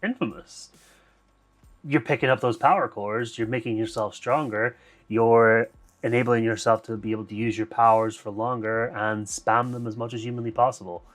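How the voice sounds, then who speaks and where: A man's voice: medium pitch, fairly even intonation, moderate pace, a bit bright. A man co-hosting a casual gaming podcast, playful and teasing. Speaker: podcast co-host.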